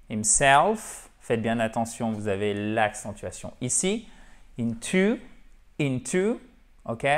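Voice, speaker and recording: A man teaching an English lesson, explaining patiently and often checking that students follow. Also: medium pitch. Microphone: camera.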